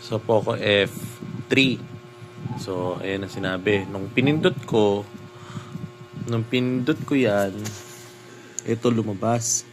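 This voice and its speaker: A man chatting casually to his viewers while showing a phone screen, excitable and talkative. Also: lowish voice, takes it slowly, long pauses, background noise. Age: adult with a child. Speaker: phone reviewer vlogger.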